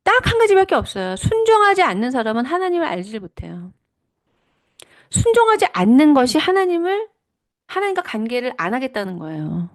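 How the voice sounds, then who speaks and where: A middle-aged woman speaks in a fairly high voice with a lively, rising and falling melody. She delivers a devotional teaching talk with earnest personal testimony. She often pauses to rephrase herself as she reflects. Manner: reflective, with frequent self-corrections.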